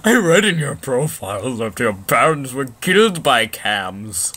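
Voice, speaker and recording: A man's voice: medium pitch, very animated, a little slow, fairly bright tone, husky, full character voice. A man reading as a terse mission commander. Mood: businesslike. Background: game music.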